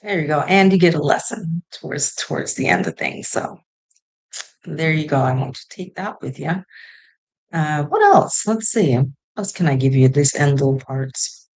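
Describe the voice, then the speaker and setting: A woman's voice: deep voice, lively intonation, normal speed, low-quality recording. A young woman talking to camera in a casual, rambling way, giving advice like she is chatting with a friend. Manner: chatty, rambling, shifts into playful voices. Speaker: vlogger.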